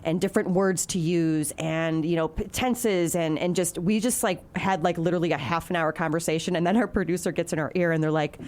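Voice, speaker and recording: A woman's voice: fairly low pitch, fairly even intonation, a little fast, few pauses, a little mellow. A woman from the Chicago area, a TV news anchor, chatting in an interview with lots of fillers and restarts. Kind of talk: casual interview chat.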